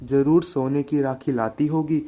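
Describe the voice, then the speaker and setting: A man's voice: mid-range voice, fairly even intonation, measured pace, warm tone, natural voice. A man doing a chirpy young village girlfriend. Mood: chatty. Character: chatty young village woman, caring friend.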